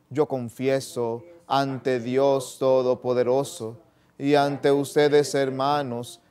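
A man in his thirties, a priest leading Mass in a small chapel with slow, solemn recitation. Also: medium pitch, a little mellow.

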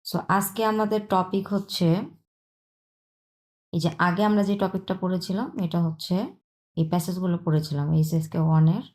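A woman's voice: fairly low pitch, flat delivery, darkish tone. A woman from China, teaching a pronunciation lesson and patiently repeating sounds one by one. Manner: patient, repeats sounds slowly, asks "হ্যাঁ?" often. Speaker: Chinese language teacher.

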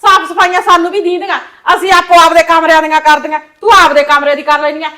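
A woman's voice: very high-pitched, little pitch movement, fast, bright, forceful tone. A woman with a Punjabi accent acting a blunt sister-in-law in a short film, scolding about chores. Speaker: sister-in-law in a village household.

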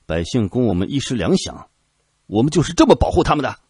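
A man voicing a stubborn young officer who shouts back defiantly at his superior. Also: mid-range voice, big pitch swings, fast talker, husky, no echo, clean studio sound, pitched above the performer's own voice.

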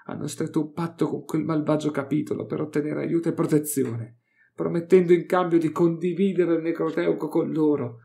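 A man's voice: fairly high pitch, steady tone, brisk, vocal fry, mellow, voice pushed up. Man putting on a gloating scholar villain. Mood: gleeful mocking. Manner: mocking, triumphant, theatrical. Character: gleeful scheming male alien-lore scholar.

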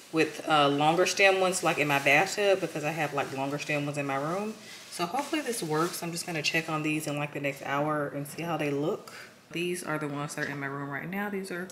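A woman's voice: fairly low pitch, fairly bright tone, slight background noise. A young woman chatting casually to her viewers in a home vlog, full of "like" and "um", upbeat and friendly. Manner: chatty, filler-heavy, enthusiastic. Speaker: vlogger. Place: home kitchen.

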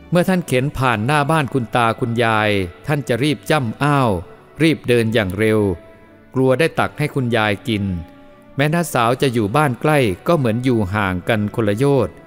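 Man reading a tale over soft music. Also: medium pitch. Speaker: storyteller. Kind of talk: reading a first-person karma tale aloud.

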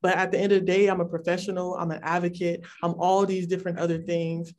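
A woman in her twenties from California, speaking as an interview guest over a video call in an articulate, measured and earnest way. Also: fairly low pitch, level tone, darkish tone. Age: 20s. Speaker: policy intern, advocate.

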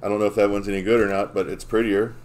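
A man's voice: lowish voice, level tone, racing, a little mellow. A man opening trading card packs on a live stream, in casual chat, playfully confused and stumbling over the names.

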